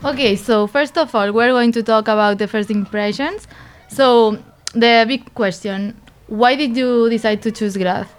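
A woman's voice: fairly high pitch, unhurried, smooth. A young woman co-hosting a student radio show, upbeat as she reads her prepared questions. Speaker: campus radio host.

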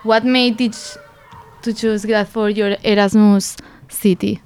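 A woman's voice: medium pitch, fairly even intonation, unhurried, a little mellow, smooth, faint music behind. A young woman co-hosting a student radio show, upbeat as she reads her prepared questions. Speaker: campus radio host.

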